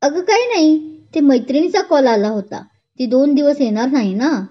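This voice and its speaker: A woman's voice: fairly high pitch, animated, unhurried. A woman doing a teasing young lover. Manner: coaxing, teasing, childlike. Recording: dull lo-fi recording.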